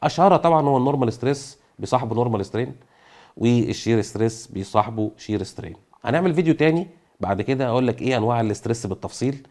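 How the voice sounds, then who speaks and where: A man's voice: mid-range voice, expressive, rapid-fire, darkish tone. A man with an Egyptian Arabic accent, explaining an engineering topic in a casual lesson, full of fillers and everyday comparisons. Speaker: engineering educator.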